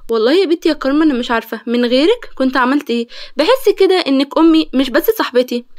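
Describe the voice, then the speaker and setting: A woman voicing a sharp-tongued, careless young female student with cheeky back-talk, in an Egyptian Arabic accent. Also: high voice, expressive, rapid-fire. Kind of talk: storytelling.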